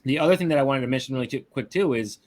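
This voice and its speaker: A man's voice: mid-range voice, rapid-fire. A man teaching online marketing on a live video call in a casual way, often ending his points with a questioning tag. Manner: casual, tags lines with "right?".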